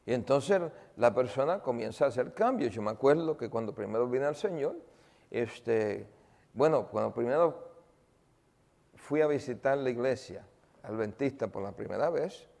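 Male pastor, mid pitch, gravelly, chatty sermon with questions to the room, long hall reverb. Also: animated, normal speed, a little mellow. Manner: conversational, asks the congregation questions, many fillers. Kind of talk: sermon with storytelling.

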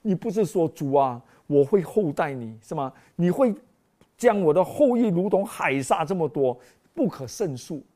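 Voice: medium pitch, lively intonation, normal speed, mellow, lightly acted. A preacher voicing the anxious patriarch Jacob, praying earnestly and pleading with God for protection.

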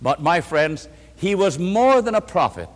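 A man's voice: high voice, sing-song, measured pace, long reverb tail. A male preacher giving an emphatic sermon, calling his listeners friends and leading them through verses together.

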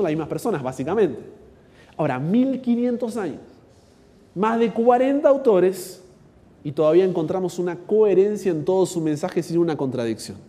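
A man's voice: sits high, mellow. A man with an Argentine accent teaching a Bible workshop, asking his audience rhetorical questions. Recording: long hall reverb.

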